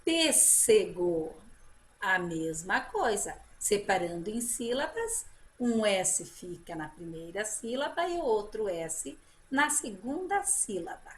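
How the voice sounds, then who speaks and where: A woman teacher giving a children's phonics lesson, drawing out example words slowly and praising her pupils. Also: mid-range voice, sing-song, slight background noise. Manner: slow drawn-out model words, encouraging teacher talk.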